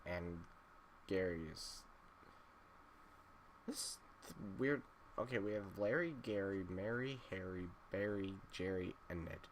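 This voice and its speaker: A man's voice: sits low, slow, long pauses, a little hiss or hum. A man giving casual, wry gameplay commentary, sleepy and drowsy after just waking up. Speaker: gaming YouTuber.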